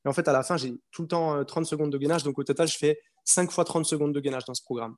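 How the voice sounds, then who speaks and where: A man's voice: fairly high pitch, steady tone, fast. A man in his twenties, an interview guest, telling his story in a casual, hesitant way with many fillers and restarts. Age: 20s.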